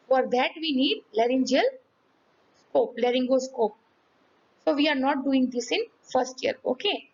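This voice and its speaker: A high-pitched woman, her voice hoarse from yelling. She teaches a medical demonstration, often pausing to ask "okay?" and "ready?". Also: lo-fi sound. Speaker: physiology teacher.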